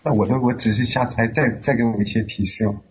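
A man's voice: mid-range voice, fairly even intonation, quick pace, breathy edge, dull audio. A man co-hosting a casual Bible study chat, giving short, hesitant guesses. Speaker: co-host.

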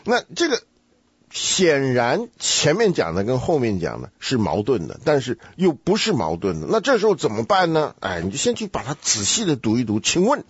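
Playful husky man quizzing on scripture. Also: medium pitch, wildly swooping pitch, normal speed, dry recording, dull audio. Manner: teasing, quizzing, laughs often. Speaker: Bible study host. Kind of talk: casual Bible study chat.

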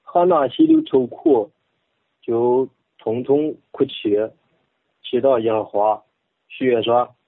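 A man's voice: medium pitch, huge pitch swings, slow, pauses often, dry recording. Modest man with Henan dialect, tinny. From Henan, China. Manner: modest, quiet, laughs shyly. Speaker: radio co-host.

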